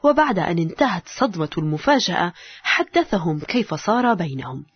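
A woman narrates a story with a gentle, expressive reading. Her voice is very husky and breathy, with a lively melody. The recording is dry and dull, with little high end. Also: fairly quick.

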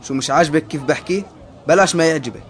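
Here is a man acting as an irritable young man, who throws out short, defensive retorts. He talks at a rushing speed in a fairly high voice. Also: a faint crowd, a little hiss or hum, lightly acted. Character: young man, irritable and angry all the time.

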